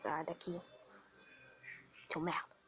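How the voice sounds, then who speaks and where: A male gaming host with a Brazilian Portuguese accent, excitable and swearing as he comments on his gameplay. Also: a little high. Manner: excitable, swearing, quick to frustration.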